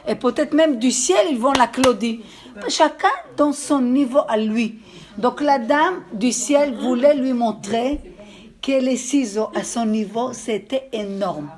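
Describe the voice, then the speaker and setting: Her voice sits a little high with a darkish tone as this accented woman gives a religious lesson to a group. She narrates stories in a halting, restarting way and keeps making sure everyone understood.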